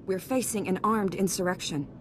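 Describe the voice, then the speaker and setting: A lightly acted female performance at a moderate pace brings to life a stern, formal senator in a video game cutscene. Commanding and pressed for time, she speaks with authoritative oratory and stern urgency, while noticeable rumbling fills the background.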